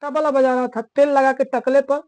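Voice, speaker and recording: A woman's voice: high voice, flat delivery, normal speed, darkish tone, no room sound. A woman teaching map mnemonics, who keeps asking the class questions and answering them herself. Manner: drills answers by repeating them.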